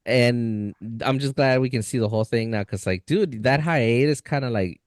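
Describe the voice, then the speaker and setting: Excited male podcast co-host, dry sound. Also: medium pitch, normal speed, dry recording. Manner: enthusiastic, says dude and freaking, laughs easily. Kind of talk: casual chat.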